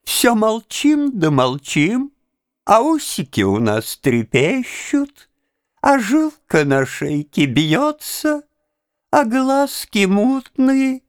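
A man's voice: sits high, big pitch swings, extremely slow, clear, resonant tone, no echo, clean studio sound, pitched above the performer's own voice, heavily acted. A man voicing a chatty, smug jailer who boasts and talks down as if to a child. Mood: cloying. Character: chatty, smug, cloying male jailer-executioner.

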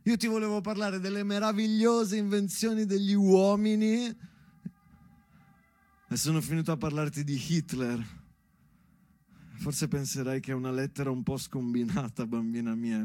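A man with a medium-pitched, darkish voice speaks at a normal pace, lightly acted and with no echo. Playing a father, he reads a rambling, ironic letter to his young daughter as a colloquial, rhythmic stage monologue, tender and hesitant in a sing-song way. He is a stage actor and writer giving a theatrical spoken-word performance.

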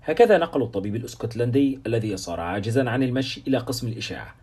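A man narrating a novel at a fast clip with a husky voice. He reads in a steady, scripted storytelling manner. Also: medium pitch. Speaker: audiobook narrator.

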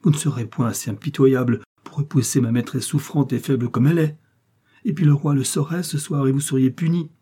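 A man's voice: mid-range voice, steady tone, fairly quick, dark tone, slightly rough, pitched above the performer's own voice, close to an everyday voice. A man reading aloud, voicing a devoted, anxious young maidservant who pleads urgently. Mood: pleading.

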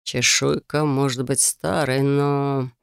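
A reader voicing a kind male magister, a mentor who talks calmly and softly. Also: mid-range voice, slow, creaky, clear, resonant tone, dry recording. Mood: thoughtful.

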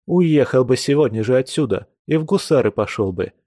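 A man's voice: mid-range voice, animated, brisk, mellow, no echo, clean studio sound, close to an everyday voice. A man reading an audiobook, voicing an impulsive, eager young man who pleads his case. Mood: pleading.

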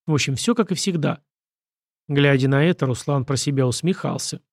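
Male audiobook narrator, measured, slightly high pitch. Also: no echo, clean studio sound.

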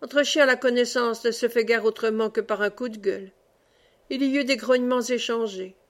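A woman reads a classic novel aloud in measured storytelling. Her voice sits fairly high. The reading is steady and literary. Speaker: audiobook reader. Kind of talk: literary audiobook narration.

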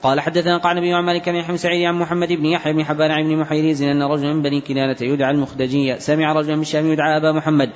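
Very fast male reader reciting hadith. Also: on the high side, flat delivery. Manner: brisk, unbroken recitation of narrator chains. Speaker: student reader. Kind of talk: rapid reading of hadith text. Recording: dull recording with long hall reverb.

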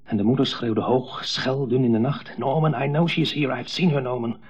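A man's voice: mid-range voice, moderate pace, darkish tone, lightly acted. An actor playing a bitter grown son dominated by his mother, delivering a brooding, intense monologue in a 1970s radio play. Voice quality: gravelly, husky. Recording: dull 1970s radio broadcast.

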